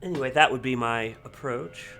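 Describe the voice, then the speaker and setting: A man's voice: medium pitch, normal speed, vocal fry, pushed and bright. A man playing a tabletop game, earnestly laying out his plan and laughing often. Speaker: player.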